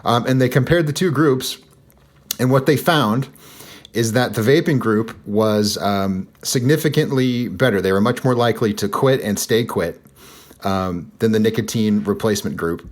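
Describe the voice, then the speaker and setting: Low-voiced joking podcast host man. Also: normal speed. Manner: joking, sarcastic, lots of fillers. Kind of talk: casual podcast chat.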